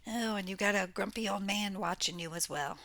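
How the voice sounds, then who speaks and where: A woman's voice: mid-range voice, a little fast, a bit bright, no room sound. A woman doing a casual tarot reading for her viewers, blunt and exclaiming, with the odd curse. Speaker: tarot reader. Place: home room near a window.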